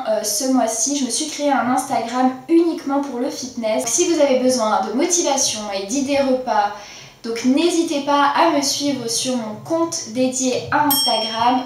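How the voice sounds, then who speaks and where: A young woman chats casually through her favourites of the month, her voice a little high. She fills her talk with hesitations and restarts. The recording picks her up from some distance in a very echoey room. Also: darkish tone. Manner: chatty, with frequent fillers and restarts. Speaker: beauty vlogger. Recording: very echoey room, mic set far off.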